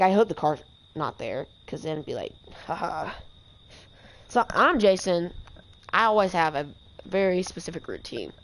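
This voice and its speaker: A young woman giving casual, frustrated commentary over her gameplay, rambling and swearing. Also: on the low side. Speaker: gamer streamer. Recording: voice over game music.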